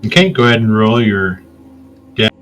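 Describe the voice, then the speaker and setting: A man narrating a tabletop game as game master, describing scenes in a relaxed way with filler ums. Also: fairly low pitch, normal speed, faint music behind, rough recording.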